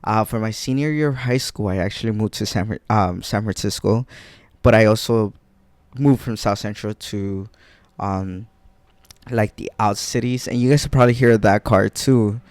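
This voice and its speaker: A young man in his twenties chats casually into a desk mic at home, rambling and often restarting his sentences as he addresses his listeners. His voice is smooth and clear, with a dry, close sound and no room echo. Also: lowish voice, normal speed, darkish tone. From Guatemala. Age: 20s. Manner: rambling, self-correcting, chatty with listeners. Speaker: podcast host. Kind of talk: casual solo podcast chat.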